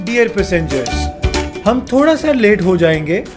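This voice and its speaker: A young man doing joking, mock pilot cabin announcements while playing a flight game, in a lowered announcer tone. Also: big pitch swings, slow pace, over music. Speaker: vlogger.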